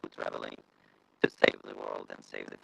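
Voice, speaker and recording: A man on a video call from outdoors, his voice breaking up and crackling over a bad connection as he talks in halting, hesitant phrases. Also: a bit bright. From Ukraine. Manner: hesitant, halting non-native phrasing with many fillers. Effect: bad connection, glitching and crackling breakup. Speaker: filmmaker guest. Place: outdoors on a shoot.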